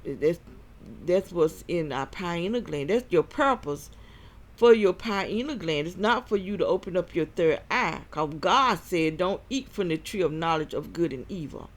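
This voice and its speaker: A man giving a rambling personal monologue as a vlogger, halting and short of breath, with repeated restarts. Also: mid-range voice, lively intonation.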